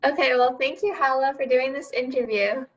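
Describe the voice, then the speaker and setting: A woman interviewer closing a casual interview with quick, friendly talk. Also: high voice, steady tone, distant mic, muffled recording.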